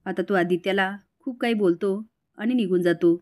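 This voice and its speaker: A woman narrating a recap of a TV serial episode in a brisk, dramatic storytelling style. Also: medium pitch, a little mellow.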